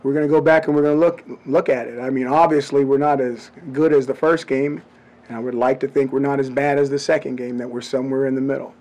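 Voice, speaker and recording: A middle-aged man, a head football coach, giving blunt, measured answers at a postgame press conference into table microphones. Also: mid-range voice, steady tone, darkish tone. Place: press room before a branded backdrop.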